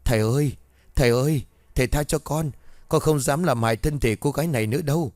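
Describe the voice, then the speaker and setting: A man's voice: medium pitch, quick pace, a little mellow, no room sound, clean studio sound, pitched above the performer's own voice, close to an everyday voice. A man doing a possessing soldier ghost. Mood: pleading. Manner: rough threats turning to begging.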